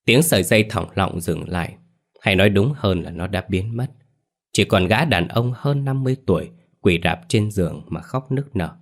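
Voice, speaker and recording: Deep-voiced man narrating a ghost story. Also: moderate pace.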